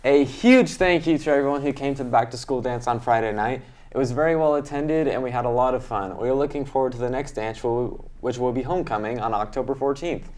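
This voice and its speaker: A man's voice: medium pitch, fast talker, few pauses, a little mellow. A teenage boy co-anchoring a student newscast, reading announcements upbeat with occasional restarts. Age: teens. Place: school studio.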